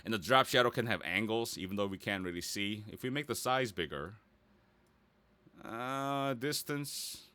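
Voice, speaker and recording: This man, a voice actor from Korea or the United States, walks through a website tutorial in a playful, casual way, thinking aloud and often checking on the listener. His lowish voice is bright and forceful, with lively intonation and a moderate pace, in a dry recording.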